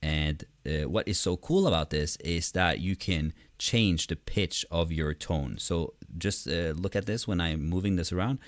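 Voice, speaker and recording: A man giving an informal, enthusiastic tutorial narration in a bassy voice, close and dry on the microphone, with emphatic repetition. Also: unhurried, few pauses, no room sound. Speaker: online course instructor. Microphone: close USB desktop microphone.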